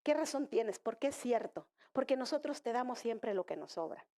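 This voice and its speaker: Woman, high voice, church testimony, emotional, repeats herself, speaks to the congregation. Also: animated, moderate pace, darkish tone. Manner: emotional, repetitive, addresses congregation directly. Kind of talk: testimony sermon.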